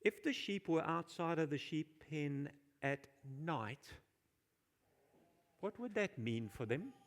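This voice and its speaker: A male pastor delivering a sermon with a somewhat high, gravelly voice. He talks informally, throws questions out to the congregation and repeats key phrases for weight. The delivery stays conversational and light-hearted, recorded in a church. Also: lively intonation, slow. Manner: informal and jokey.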